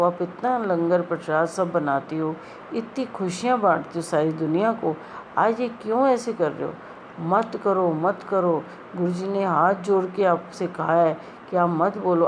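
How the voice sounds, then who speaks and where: A woman's voice: fairly low pitch, a little mellow, slight background noise, low-quality recording. A middle-aged woman earnestly retelling a spiritual experience, pleading as she quotes the people in it. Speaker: devotee sharing a spiritual experience. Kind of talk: storytelling testimony.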